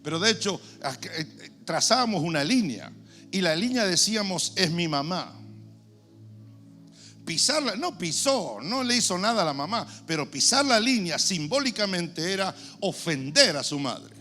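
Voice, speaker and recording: A man, preaching a sermon in an animated way, asking the congregation questions and acting out the shouts of a crowd. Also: high-pitched, moderate pace, faint music behind. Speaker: pastor.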